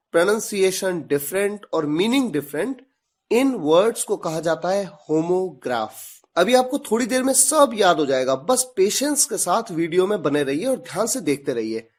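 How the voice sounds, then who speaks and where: A man teaching a video lesson, spelling words out letter by letter and asking rhetorical questions. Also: high voice. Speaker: English teacher.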